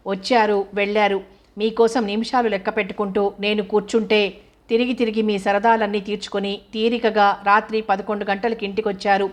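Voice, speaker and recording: A woman's voice: medium pitch, little pitch movement, a little fast, lightly acted. A woman voicing an angry, hurt young wife who accuses her husband with bitter sarcasm. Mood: bitter, reproachful.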